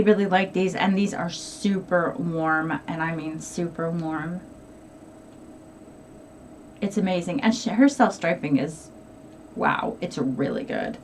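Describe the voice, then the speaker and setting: A woman's voice: fairly low pitch, darkish tone, far from the mic, a little hiss or hum. An older woman chatting casually as she shows off her finished crafts, rambling a little and laughing often. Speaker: crafting vlogger. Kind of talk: casual show-and-tell chat.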